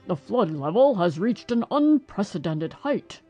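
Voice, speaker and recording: A man voicing a pompous, long-winded old male owl who talks slowly and grandly. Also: high-pitched, sing-song, mellow, faint music behind, pitched above the performer's own voice.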